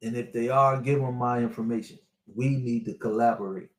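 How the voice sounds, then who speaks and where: A man's voice: mid-range voice, steady tone, a little fast, echoey room. A man in his sixties giving a preachy, repetitive motivational talk to his online viewers as a spiritual life coach. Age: 60s.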